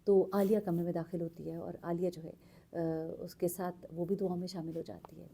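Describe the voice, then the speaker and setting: A woman narrating a true story in an earnest, unhurried way, pausing with fillers as she goes. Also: fairly low pitch, level tone, creaky, dark tone, husky. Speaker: storyteller host.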